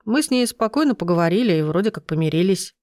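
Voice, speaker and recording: A woman's voice: fairly low pitch, lively intonation, fast talker, darkish tone, no room sound, clean studio sound, close to an everyday voice. Oleg, an easygoing brother, read by a woman. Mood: casual.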